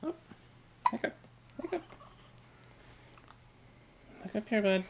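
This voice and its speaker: A woman coaxing a baby in soft, sing-song baby talk in a home video, filmed with a handheld camera on a bed at home. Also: mid-range voice, lively intonation, slow, vocal fry, a little hiss or hum. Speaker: parent talking to a baby. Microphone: handheld camera mic.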